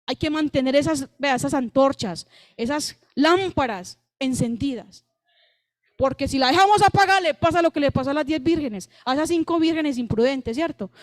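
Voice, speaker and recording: A woman's voice: high-pitched, a little mellow, no room sound. A woman preaching a fervent sermon at a church service, repeating phrases and rising to cries on key lines.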